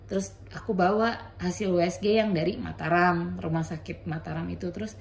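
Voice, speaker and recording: Gravelly-voiced woman chatting through her story. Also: fairly low pitch, fairly even intonation, brisk. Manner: chatty retelling that acts out dialogue, with English medical terms mixed in. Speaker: mother sharing her thyroid cancer experience. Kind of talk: casual storytelling vlog.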